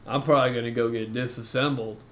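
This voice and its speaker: A man's voice: mid-range voice, steady tone, quick pace, a little hiss or hum, natural voice. A man doing a laid-back robot townsman. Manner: casual, rambling, says "man" and "dude". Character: chatty robot townsman who turns into a cart.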